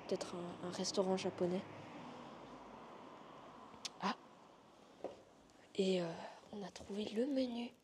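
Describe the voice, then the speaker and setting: A woman casually narrating an exploration vlog in a hesitant, halting way, trailing off between observations. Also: medium pitch, background noise. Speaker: urban exploration vlogger. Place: inside a large abandoned hotel.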